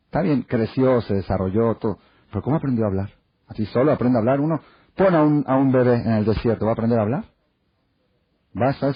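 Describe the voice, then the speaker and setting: A man's voice: mid-range voice, husky. A man giving a Torah class as a rabbi, telling stories with rhetorical questions and acted-out quotes. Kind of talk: Torah class with humorous anecdotes. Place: lecture hall. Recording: dull lo-fi archive tape.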